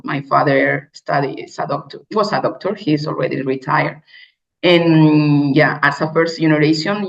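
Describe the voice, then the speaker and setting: A Spanish woman with a Spanish accent delivers a personal keynote talk in simple phrasing, speaking haltingly and often restarting. Her voice sits low, and the recording sounds dull and lo-fi.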